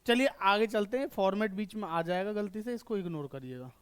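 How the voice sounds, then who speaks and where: Teaching accountancy online, a man with a resonant, smooth, very high voice peppers the class with fast questions he answers on his own. Over and over, he confirms his students are keeping up.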